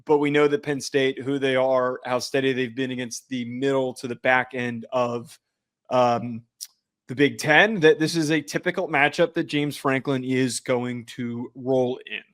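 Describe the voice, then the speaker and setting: A man's voice: medium pitch, fairly even intonation, a little slow, a bit bright. A man co-hosting a casual sports podcast from New Jersey, laying out confident, analytical betting picks. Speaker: podcast co-host.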